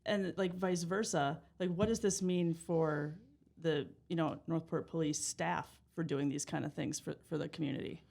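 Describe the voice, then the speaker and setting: A woman with a low, gravelly voice hosts a casual podcast interview. She is chatty and encouraging, keeping the talk moving with quick agreement and laughter. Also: steady tone, a little mellow. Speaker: podcast host.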